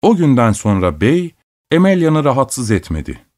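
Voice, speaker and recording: Male storyteller, mid-pitched voice, calm measured scripted narration of a folk tale.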